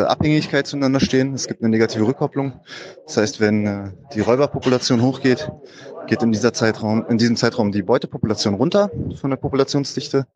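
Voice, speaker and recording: Man on a low quality recording in a noisy gym. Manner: loose and rambling, with many fillers. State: a bit frazzled. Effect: low quality sound recording. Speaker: biology teacher. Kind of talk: casual spoken comment, explaining science. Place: at a gym, doing sport. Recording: poor quality recording with loud crowd noise behind.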